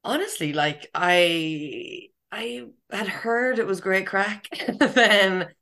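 A woman's voice: mid-range voice, takes it slowly, fairly bright tone. A young woman from the west of Ireland with that region's accent, chatting casually and informally as an interview guest, with slang and swearing. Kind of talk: casual chat.

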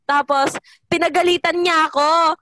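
A young woman telling a story in casual chat with friends, animated, laughing and acting out shouts. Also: extremely high pitch, normal speed. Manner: animated, laughs often, acts out shouts and voices in her stories. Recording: noticeable background noise.

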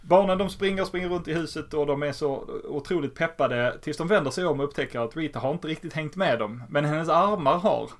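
Swedish man recapping a comic, animated. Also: fairly high pitch, few pauses. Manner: animated retelling, laughs often. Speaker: podcast host. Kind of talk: casual comic book recap.

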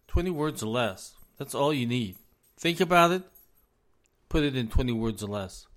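A man with a slightly raised pitch gives informal advice on parenting, speaking earnestly and repeating phrases for emphasis. His voice is going a little hoarse as he talks. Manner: earnest, repetitive, addresses parents directly. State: losing his voice.

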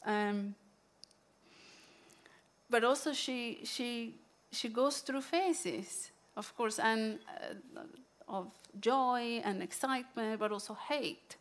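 A woman with an Italian accent who talks through books she loves, reads a poem aloud, and pauses often with fillers and restarts. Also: fairly high pitch. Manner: halting, many fillers and restarts. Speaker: book presenter. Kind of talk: casual book sharing with a poetry reading.

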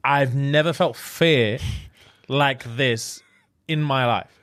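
A man's voice: medium pitch, takes it slowly. A man with a London roadman accent and street slang, chatting casually and acting out dialogue as he tells stories. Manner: animated storyteller acting out dialogue. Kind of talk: casual chat.

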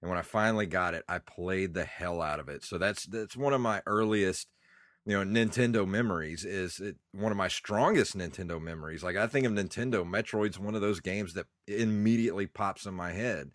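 Deep-voiced congested man chatting. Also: a little fast, no room sound, studio quality. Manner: nostalgic, rambling with fillers. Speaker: podcast co-host. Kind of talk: casual chat.

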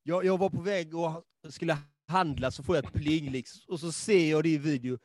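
A man's voice: on the high side, no room sound, studio quality. A man co-hosting a podcast over a video call, enthusiastic and eager as he tells a story. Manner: warm, enthusiastic, retells stories with quoted voices. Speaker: podcast co-host.

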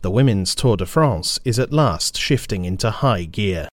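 A man reading a scripted news briefing in a measured, formal newsreader manner. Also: lowish voice, expressive, no room sound, clean studio sound. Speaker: news presenter.

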